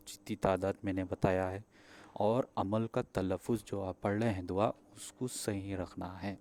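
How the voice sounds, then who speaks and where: A man with a Pakistani Urdu accent walks listeners through a ritual, step by step. His voice sits low and dark, with little rise or fall, and he keeps checking in and repeating himself. Faint noise hums behind him. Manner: repeats steps, checks in with "theek hai"; hesitant, with fillers and restarts. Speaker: spiritual practitioner teaching a ritual. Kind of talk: spoken instruction to viewers.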